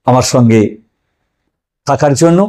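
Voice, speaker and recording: A man's voice: medium pitch, unhurried, warm tone. A male teacher explaining a language lesson. He asks questions and then answers them himself, stresses key words and addresses the viewers as friends.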